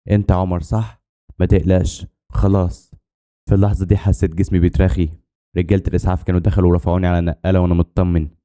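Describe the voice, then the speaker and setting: A man's voice: low-pitched, warm tone, smooth. A man with an Egyptian Arabic accent telling a dramatic first-person story in a tense way.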